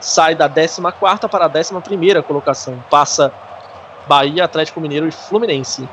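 A man's voice: a little high, brisk, fairly bright tone, a little hiss or hum. A man with a Brazilian Portuguese accent calling a football match live, play by play.

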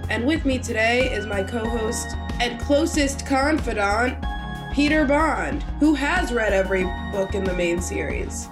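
A woman hosts a casual podcast with a stuffy, nasal voice from allergies. She jokes and teases her co-hosts in a higher register, with music playing underneath. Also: lively intonation, measured pace. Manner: joking, playful. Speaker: podcast host.

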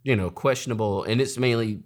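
A man in his thirties, a podcast guest telling animated stories in casual conversation and laughing often. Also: mid-range voice, brisk. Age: 30s.

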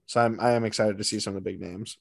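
A man co-hosting a hockey podcast, chatting casually with a friend, animated and teasing, with quick bursts of excitement. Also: lowish voice, creaky. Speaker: podcast co-host. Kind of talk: casual sports chat.

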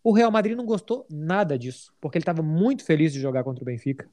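A man's voice: fairly high pitch, lively intonation, fast talker, mellow. A Brazilian man hosting a football podcast in a casual, conversational style. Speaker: podcast host.

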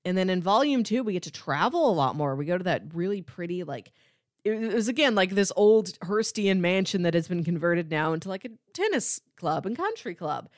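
In a clean studio recording with no echo, a woman speaks in a fairly low, very animated voice at a fairly quick pace. Co-hosting a podcast about comics, she casually reviews books and acts out parts along the way.

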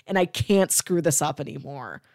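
A podcast co-host with a low, expressive, darkish voice chats casually but earnestly about a TV series at a normal pace. Her phrasing is emphatic and discursive, and the dry recording has studio quality.

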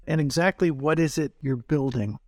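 Guy hosting a biz podcast, kinda high voice, dry sound, friendly and asks stuff. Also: moderate pace, no echo. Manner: friendly, sums up and asks questions. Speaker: podcast host. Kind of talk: podcast interview.

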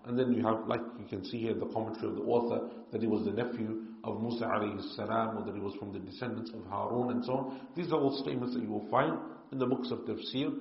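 A man teaching a religious lesson in a calm, explanatory way. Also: on the low side, fast talker, creaky, hardly any pauses. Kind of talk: religious lecture. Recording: echoey hall, muffled.

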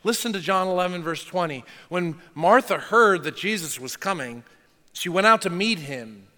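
A man's voice: sits high, lively intonation, normal speed, bright, forceful tone, big-room sound. A man preaching a sermon as pastor, talking earnestly and conversationally, with rhetorical questions to the congregation.

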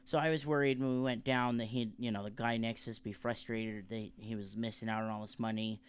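A man's voice: lowish voice, steady tone, fairly quick, clear, resonant tone. A man co-hosting a podcast, chatting casually, hesitating and explaining things for listeners. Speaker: podcast co-host. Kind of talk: casual chat recap.

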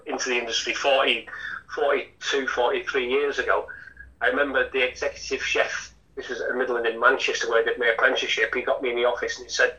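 A man's voice: mid-range voice, bright, forceful tone, distant mic, poor audio. A man, a hotel chef talking through an interview with many restarts. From Lancashire, England. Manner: chatty, rambling with frequent restarts.

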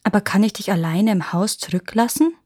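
A woman's voice: mid-range voice, fairly quick, darkish tone, husky, no echo, studio quality, close to an everyday voice. A woman reading a fairy tale, voicing a peasant woman who longs for a child. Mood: grateful. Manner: earnest, pleading.

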